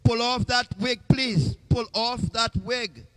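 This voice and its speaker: A man's voice: very high-pitched, takes it slowly, a bit bright. A man hosting a livestream, chatting casually and joking with lots of repetition. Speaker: livestream host.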